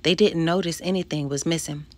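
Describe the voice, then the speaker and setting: Low-voiced woman reading a storybook aloud. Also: brisk. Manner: expressive, voices the dialogue. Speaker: audiobook narrator. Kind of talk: first-person storybook narration.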